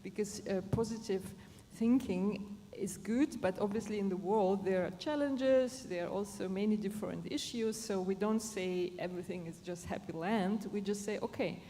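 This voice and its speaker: Here a German woman with a mellow, mid-range voice explains positive psychology off the cuff on a panel. Her delivery is halting as she searches for the right words, and the recording carries the echo of a large conference hall plus a little background noise.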